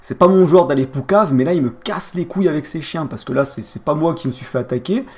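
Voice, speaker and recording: A man's voice: on the high side, quick pace, a little mellow. A young man from France streaming live, telling a heated story in crude street slang. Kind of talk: casual live-stream rant.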